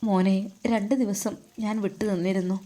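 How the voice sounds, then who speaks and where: An older widowed mother pleads tenderly with her son, her words heavy with grief, as a woman reads her part. She speaks with a Malabar Malayalam accent in a mellow, dark-toned voice at a middle pitch. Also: little pitch movement, moderate pace, close to an everyday voice. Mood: pleading.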